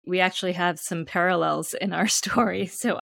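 A woman's voice: fairly low pitch, steady tone, moderate pace, gravelly, fairly bright tone, no room sound, clean studio sound. A woman hosting a podcast, speaking in an encouraging way with light laughs. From United States. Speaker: podcast host. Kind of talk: podcast interview.

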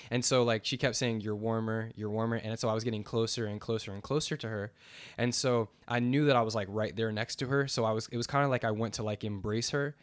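A man's voice: mid-range voice, fairly even intonation, quick pace, dry recording. A young man sharing a faith testimony in casual chat, earnest and rambling, with many fillers and restarts.

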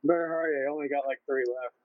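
A man's voice: fairly high pitch, fairly even intonation, quick pace, phone-quality sound, a little hiss or hum. A man chatting casually with a group of friends as a gaming podcast regular.

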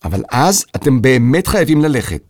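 A man's voice: medium pitch, big pitch swings, darkish tone, no room sound, clean studio sound, pitched above the performer's own voice. A man voicing a polite, earnest young boy composer in a children's audio story. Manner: polite, earnest, slightly prim.

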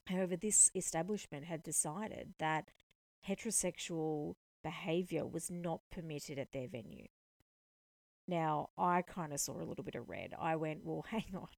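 Podcast host, female, low and gravelly, dry close sound, animated storyteller. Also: normal speed, no room sound. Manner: animated, indignant retelling with quoted dialogue. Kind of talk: storytelling monologue.

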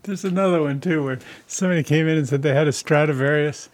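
A man's voice: on the high side, fast talker, no room sound. A man hosting a podcast, asking easygoing questions and reading the closing credits. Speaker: podcast host. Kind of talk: interview chat and scripted outro.

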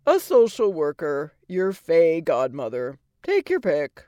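A woman voicing a bossy, sarcastic fairy godmother who talks loudly and bluntly. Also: sits low, huge pitch swings, slow pace, dry recording, highs cut off, exaggerated voice.

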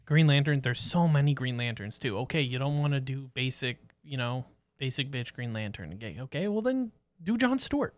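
A man co-hosting a podcast in casual chat, talking fast and eagerly and often over his co-host. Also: mid-range voice. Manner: excited, rapid, talks over his co-host.

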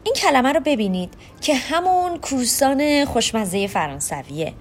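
Woman podcast teacher, highish animated voice, faint hiss behind, walks listeners through each step. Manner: explains step by step, addresses listeners as friends. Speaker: podcast host teaching French. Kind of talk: podcast lesson on pronunciation.

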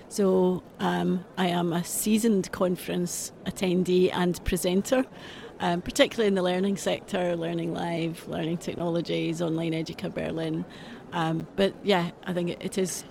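Middle-aged woman with a creaky voice. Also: on the low side, a little mellow. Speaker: consultant, seasoned conference attendee. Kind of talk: conversational interview answer. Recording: live at event, faint noise. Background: venue ambience.

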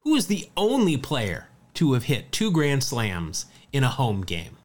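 A man's voice: mid-range voice, a little slow. A man co-hosting a casual sports podcast, reeling off statistics with a light, chatty manner. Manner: lively, rattles off stats. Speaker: podcast co-host.

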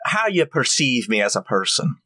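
A man's voice: medium pitch, very animated, normal speed, bright, forceful tone. A man voicing a crafty male goblin hiding in human disguise, chatty and hesitant. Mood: casual.

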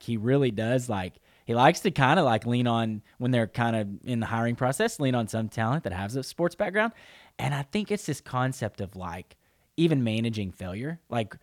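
A man's voice: mid-range voice, no echo, clean studio sound. A man hosting an interview podcast, thinking aloud in a friendly, rambling way. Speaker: podcast host. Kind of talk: casual interview talk.

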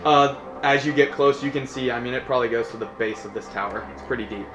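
Male game master, mid-pitched, improvised narration and rulings, roomy echo, prominent music bed. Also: little pitch movement, fast, muffled recording. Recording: echoey room, loud music behind.

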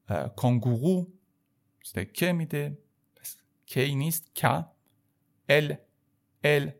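A man at a middle pitch teaches French letters in an easygoing spoken lesson. He calls his learners kids and stretches out each sound so they can repeat it. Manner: repeats sounds slowly and addresses viewers as kids.

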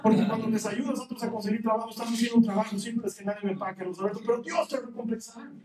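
A man preaching a sermon as pastor, lively and acting out the voices he quotes. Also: extremely high pitch, racing, far from the mic. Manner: animated, acts out quoted voices. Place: church hall. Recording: roomy church hall, mic from afar, faint noise.

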